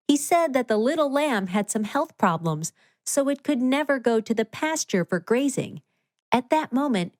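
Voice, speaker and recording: A woman with a somewhat high voice narrates a children's storybook. She reads in an expressive read-aloud manner from a script. The sound is dry, with very little room in it. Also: no echo.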